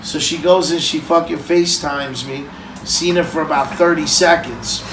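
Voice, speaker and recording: High-voiced man swearing through a story. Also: moderate pace, a little hiss or hum, poor audio. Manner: profane, lively retelling with quoted dialogue. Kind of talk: casual story time. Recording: music playing in background.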